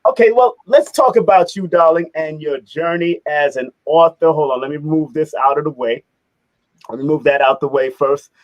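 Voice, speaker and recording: A middle-aged man hosting a casual interview, animated, repeating his words and laughing often. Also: a little high, normal speed, highs cut off. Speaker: host.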